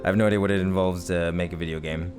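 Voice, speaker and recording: A man's voice: deep voice, steady tone, rapid-fire. A man hosting a let's play, chatting casually with lots of laughs and rambling restarts. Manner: rambling, laughing, self-correcting. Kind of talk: casual gameplay commentary. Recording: game music playing behind.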